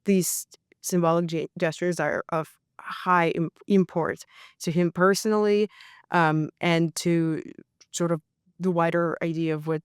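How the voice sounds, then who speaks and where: A woman's voice: lowish voice, steady tone, unhurried, clean tone, no echo, clean studio sound. A woman in her thirties from Russia, a journalist answering interview questions in a thoughtful, hesitant way with many fillers. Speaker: journalist guest.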